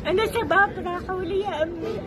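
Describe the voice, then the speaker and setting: Very high-pitched elderly Syrian woman, crying angrily. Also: fairly even intonation, fast talker. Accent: Syrian Arabic. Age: 70s. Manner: anguished, aggrieved pleading in broken phrases. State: crying, distressed. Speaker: interviewee. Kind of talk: emotional street interview. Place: outdoors among a crowd. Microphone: handheld reporter's microphone. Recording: outdoor news clip with crowd and music.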